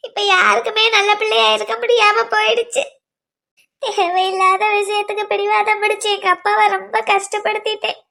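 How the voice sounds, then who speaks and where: Cast: woman doing a very high, flat-voiced cartoon girl, hurt and self-blaming. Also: moderate pace, creaky, heavily acted. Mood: hurt, tearful. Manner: tearful, self-blaming pleading. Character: heartbroken young woman student in love. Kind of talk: cartoon voice acting.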